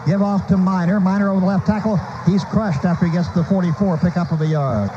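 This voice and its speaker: An American man doing radio play-by-play rattles off a live football game in clipped, staccato, urgent phrases. He speaks fast in a high-pitched voice, and the recording is dull, noisy, and lo-fi.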